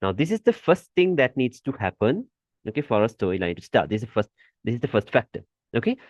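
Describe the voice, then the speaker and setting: A man's voice: mid-range voice, big pitch swings, fast talker, a little mellow, no room sound, highs cut off. A man teaching a trading lesson over a shared screen, repeating his points and saying "okay" often, with firm warnings. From Malaysia.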